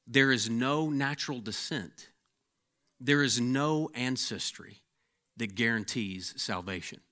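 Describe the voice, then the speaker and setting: A man preaching a sermon, swinging between emphatic peaks and hushed, intense passages, sometimes repeating words as he starts a phrase. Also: medium pitch. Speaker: pastor.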